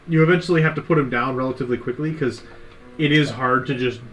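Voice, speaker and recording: Male game master, calm and descriptive, mid pitch, music bed underneath. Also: fast, rough recording. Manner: calm, descriptive narration with casual fillers. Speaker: dungeon master. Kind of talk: narrating a tabletop game.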